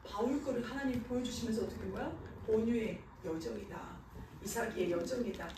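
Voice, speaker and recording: A woman's voice: a little high, fairly quick, noisy background. A woman giving a sermon to children in a church, asking the kids questions and answering them herself. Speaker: children's pastor. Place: church sanctuary. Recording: echoey church hall, mic far off.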